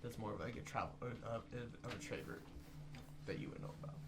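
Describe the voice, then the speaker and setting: A man's voice: on the low side, expressive, quick pace, gravelly, heavy background noise. Hesitant man running a tabletop game. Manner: hesitant, full of fillers. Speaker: game master. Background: loud background music.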